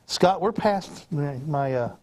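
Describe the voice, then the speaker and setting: A man's voice: on the high side, lively intonation, slow, a little mellow. A man hosting a casual sales livestream, upbeat and rambling with frequent fillers. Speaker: livestream host.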